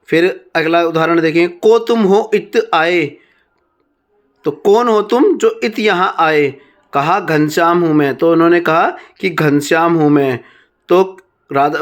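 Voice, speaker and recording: A man teaching a grammar lesson, explaining step by step and reading verse examples slowly. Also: a little high.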